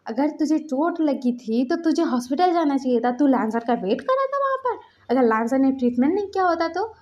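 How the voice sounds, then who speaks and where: A woman's voice: sing-song, darkish tone, dull audio. A woman voicing a blunt young male doctor who scolds his injured friend. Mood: bossy scolding. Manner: brisk, scolding, raised pitch.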